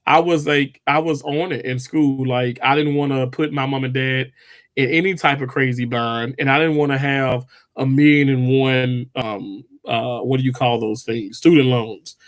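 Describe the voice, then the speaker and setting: A man in his 30s from Mississippi, US, hosts a livestream and chats casually with viewers. His medium-pitched voice has fairly even intonation at normal speed, and he rambles with lots of fillers and restarts.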